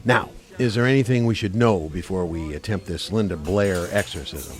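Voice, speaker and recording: In a radio play, a male actor voices a brash, skeptical buddy full of wisecracks, cajoling in colloquial speech. His deep, natural voice moves at a moderate pace and sounds cocky and joking.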